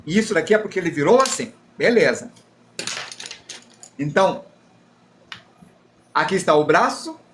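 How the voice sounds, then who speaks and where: A man's voice: a little high, animated, normal speed, pauses often, fairly bright tone, slight background noise. A Brazilian man teaching a live drawing class, chatty and self-deprecating as he explains while drawing and answers chat. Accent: Brazilian Portuguese.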